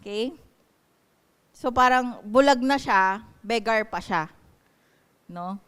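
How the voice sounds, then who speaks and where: A woman with a Filipino accent preaches a Taglish sermon, explaining each point and often asking checking questions. Her voice is fairly high, slow, smooth and fairly bright in tone.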